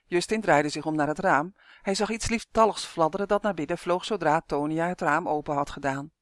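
A woman narrating a children's fantasy story aloud in an even, clear manner. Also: deep voice, a little fast, dry recording.

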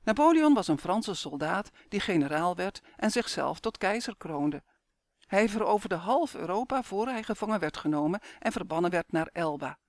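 A man reading a children's story aloud in steady, clear scripted narration. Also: high voice, moderate pace, no room sound.

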